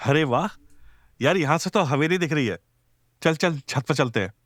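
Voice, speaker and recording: A man's voice: on the high side, lively intonation, moderate pace, a bit bright, no echo, voice pushed up. A man voicing a brash young man who brushes off his friend's fears in a horror audio drama. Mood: dismissive. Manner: brushing off worries, casual, teasing.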